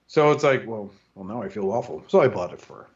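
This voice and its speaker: A man's voice: fairly low pitch, animated, fast talker, highs cut off. A man co-hosting a toy-collecting podcast, chatting casually, joking and swearing. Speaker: podcast co-host. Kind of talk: casual chat.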